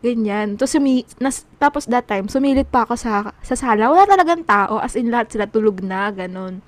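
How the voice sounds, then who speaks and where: A woman's voice: on the high side, expressive, a little fast. A young woman casually telling a story to friends, rambling with lots of fillers and swearing. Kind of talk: casual chat.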